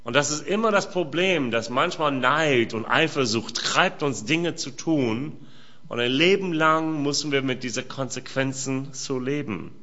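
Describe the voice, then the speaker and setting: A man's voice: medium pitch, expressive, a little slow, pushed and bright. A man preaching a sermon, reading scripture and asking his listeners direct questions. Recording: dull lo-fi sound.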